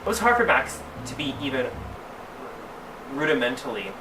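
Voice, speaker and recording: Quick and sing-song, with a voice on the high side, a man camps up a story reading for comedy. He elongates words for effect and slips into casual, faux-scandalized asides, recorded from a distance in a roomy space with clear background noise.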